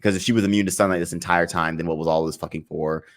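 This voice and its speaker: A man with a very deep voice talks in a loose, rambling way on a casual podcast. He stumbles and restarts his sentences, swears freely and laughs when something annoys him. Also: fairly even intonation, rapid-fire. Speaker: podcast co-host. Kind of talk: casual chat.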